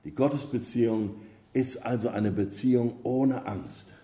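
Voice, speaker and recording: A man preaching a sermon, telling a parable in a calm, measured way. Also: mid-range voice. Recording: roomy echo.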